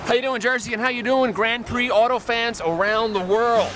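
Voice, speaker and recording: A man's voice: very high voice, steady tone, normal speed, over music. A man hosting and reporting from the field in a wisecracking, upbeat comic style.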